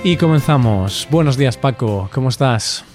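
A man's voice: mid-range voice, lively intonation, normal speed, darkish tone, soft background music. A man from Spain with a Spanish accent, hosting a casual podcast for Spanish learners and chatting with his co-host, often laughing and tagging questions with "¿no?".

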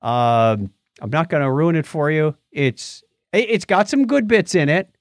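A middle-aged or older man with a fairly high, expressive voice speaks at a measured pace, co-hosting a podcast of casual movie and book reviews. He rambles and fumbles for names, and the recording is dry and studio-clean.

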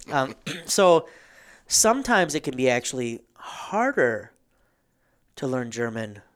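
A man's voice: medium pitch, very animated, takes it slowly, a bit bright. A man in a casual history chat, explaining things and tossing in joking asides.

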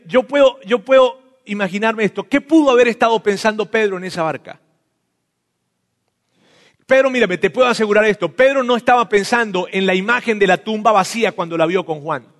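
Pastor preaching, high voice, lively, acts out the lines, echoey church hall. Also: male voice, a little fast. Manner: animated preaching, acts out voices, swings from loud to hushed. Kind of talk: sermon. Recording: long reverb of a hall.

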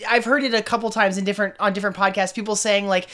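A woman podcast host with a casual millennial way of talking, full of "like" as a filler. Her pitch sits in the middle of the female range. She sounds enthusiastic, chatting informally as a film fan. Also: fairly even intonation, rapid-fire, a bit bright. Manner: casual millennial speech, peppered with "like".

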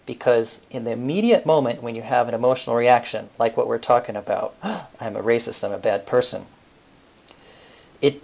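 A man on a podcast explaining a mind technique step by step, relaxed, with frequent fillers. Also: mid-range voice. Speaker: podcast co-host. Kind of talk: casual teaching talk.

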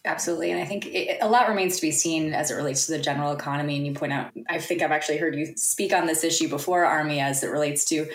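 Echoey, low-voiced woman hosting a podcast. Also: rapid-fire, few pauses. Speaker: podcast guest host and interviewer. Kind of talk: prepared podcast interview hosting. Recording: echoey, roomy sound.

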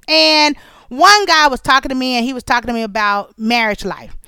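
A woman hosting a show, telling a long story in a chatty, animated and colloquial way, with asides to her listeners. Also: on the high side, clear, resonant tone, no room sound. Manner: chatty, nosy and animated, talking straight to listeners; colloquial, drawn-out asides and repeated phrases. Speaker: podcast host. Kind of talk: casual storytelling monologue.

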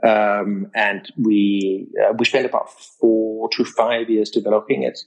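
A man in his fifties from Denmark, a guest on an interview podcast, speaking in a measured, hesitant way with many fillers. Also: lowish voice, flat delivery, faint music behind, poor audio. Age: 50s. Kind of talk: casual interview.

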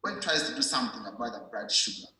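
A man with an animated, mid-range voice that sounds pushed and bright talks very fast while giving an informal medical explanation. His style is didactic: he repeats himself and checks that the listener understands. The room is very echoey.

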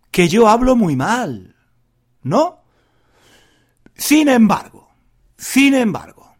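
Slow, lively-voiced man from Granada teaching. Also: fairly high pitch. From Granada, Spain. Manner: deliberate, carefully enunciated, repetitive. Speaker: Spanish teacher. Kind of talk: slow teaching monologue for learners.

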